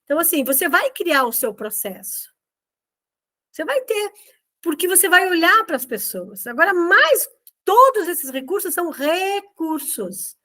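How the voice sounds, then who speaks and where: A woman instructor leading a review session for therapists, talking in a very direct, expressive and emphatic way. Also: very high voice, measured pace. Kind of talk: teaching a group review session.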